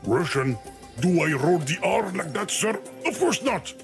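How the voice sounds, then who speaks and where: A man's voice: sits high, big pitch swings, measured pace, creaky, exaggerated voice. A man voicing an anxious male talking video game that frantically begs the player for help. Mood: indignant. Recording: loud game music underneath.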